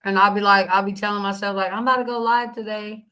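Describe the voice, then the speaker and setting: Speaking fast in a pushed, bright voice of medium pitch, this slightly raspy woman keeps her intonation fairly even. She's running a laid-back live stream, reading out chat messages with lots of cursing, laughter, and blunt talk.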